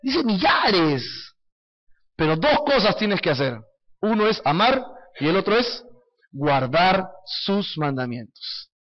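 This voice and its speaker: Man, pastor, high voice, Bible study teaching, chatty, questions to the audience, muffled lo-fi recording. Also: a little slow. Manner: asks the audience questions and answers them; lively, conversational, jokes with listeners.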